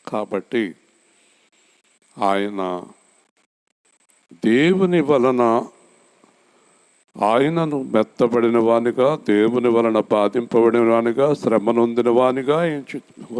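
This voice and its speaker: A male pastor preaching a sermon, asking the congregation questions and swinging from high, loud emphasis down to low, quiet words. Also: takes it slowly, long pauses, smooth.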